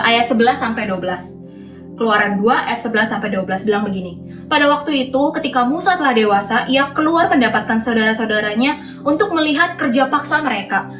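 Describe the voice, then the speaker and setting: A young woman preaches to a youth crowd in a bright, high voice, acting out little quoted lines. She sounds a bit far from the mic in an echoey room. Soft music plays underneath. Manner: lively, mixes in English phrases, acts out quotes. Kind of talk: youth sermon.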